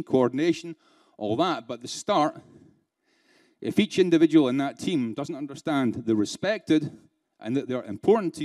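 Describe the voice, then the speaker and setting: This keynote speaker's voice is on the high side and a little mellow as he addresses a live conference audience. Playful throughout, he throws out rhetorical questions and jokey asides and laughs between points.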